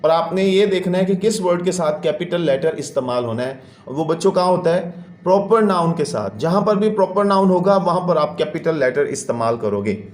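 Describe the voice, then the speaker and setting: A man teaches a lesson in a slightly raised pitch, patiently walking through each point and counting things out. His voice rings in an echoey room. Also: expressive, fairly quick, a little mellow. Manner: patient, explains step by step, counts syllables aloud. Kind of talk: classroom lesson explanation.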